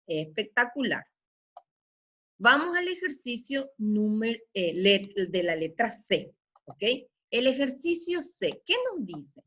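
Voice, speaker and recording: Slow, patient schoolteacher woman. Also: a little high, a bit bright. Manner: slow, patient, checks in with "¿sí?" and "¿ok?" constantly; praises often. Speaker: primary school teacher. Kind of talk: recorded remote lesson. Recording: slightly dull lo-fi audio.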